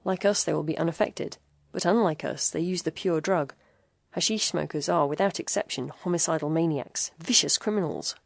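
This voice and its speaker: A woman's voice: sits low, normal speed, gravelly, no echo, clean studio sound. A woman voicing a horrified middle-aged male doctor in an audiobook, speaking in agitated, breathless exclamations. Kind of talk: audiobook character voice.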